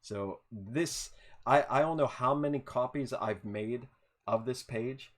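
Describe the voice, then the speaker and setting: Speaking slowly at a medium pitch, a male podcast host chats casually with a guest over a video call. His eagerness shows as he stumbles and repeats words.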